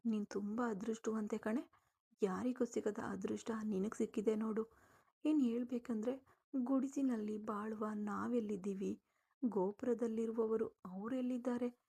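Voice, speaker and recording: A woman voicing teasing young female friends of the bride, with a creaky, husky voice. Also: on the high side, fairly even intonation, measured pace, warm tone. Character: teasing young village girlfriends.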